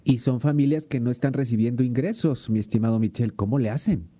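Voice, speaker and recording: A man's voice: mid-range voice, a little fast, warm tone, dry recording. Man sounding far off the phone. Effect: distant voice, as if the phone is held away. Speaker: radio host. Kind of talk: news interview.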